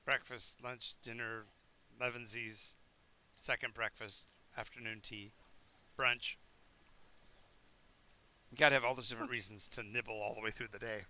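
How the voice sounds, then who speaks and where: Guy dming a tabletop game on stream, really bright crisp voice, rambly descriptions. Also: mid-range voice, flat delivery, moderate pace, pauses often. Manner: rambling descriptive narration with restarts; chewing while talking. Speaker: game master.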